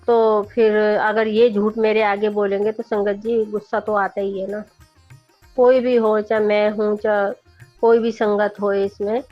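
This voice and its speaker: A woman's voice: medium pitch, dry recording. A middle-aged woman sharing a devotional testimony, speaking earnestly and often turning to address her listeners directly. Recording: dull, dry recording with faint background music.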